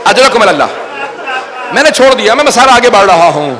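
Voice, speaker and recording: A man with a very high voice preaches an impassioned elegy sermon before a gathering. His dramatic, pleading recitation swells into cries, and a large crowd is clearly heard behind him. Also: animated, bright, forceful tone, a little hiss or hum. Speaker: Shia cleric reciting a majlis. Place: mourning gathering hall with audience. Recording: live crowd audible behind voice.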